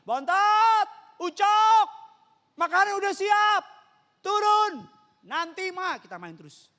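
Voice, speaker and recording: A man voicing an impatient mother who yells at her sons to come down, in a shrill, scolding manner. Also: sing-song, fairly quick, full character voice. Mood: shouting. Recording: long reverb of a church hall.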